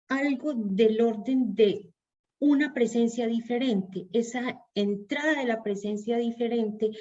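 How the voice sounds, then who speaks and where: A woman's voice: on the high side, dark tone, lo-fi sound. Thoughtful woman lecturing in Colombian Spanish. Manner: thoughtful, hesitant, restarts phrases while reasoning aloud. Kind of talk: online psychoanalysis class lecture.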